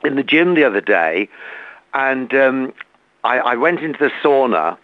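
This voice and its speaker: A man talks to a radio show over a landline phone line, so his voice comes through that call rather than a studio mic. He sounds chatty and indignant and keeps tripping over repeated words as he gets going. His pitch sits in a middling range for a man. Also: sing-song, moderate pace, no echo. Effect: heard over a landline phone call. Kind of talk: casual radio chat.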